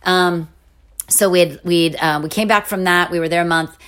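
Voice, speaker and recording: A middle-aged woman telling a personal story in a casual interview, animated, with restarts and laughing asides. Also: lowish voice, normal speed, clean tone. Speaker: interview guest.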